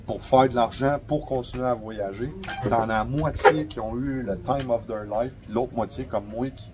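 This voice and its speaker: A young adult man with a Québécois French accent, a podcast guest telling stories in a slangy, profane, animated way. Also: mid-range voice, moderate pace, heavy background noise. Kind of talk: casual storytelling chat.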